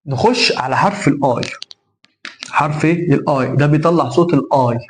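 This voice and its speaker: A man's voice: fairly high pitch, moderate pace, a little hiss or hum. A man with an Egyptian Arabic accent teaching an English lesson, repeating and stretching out vowel sounds as he drills them. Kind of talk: classroom lesson explanation.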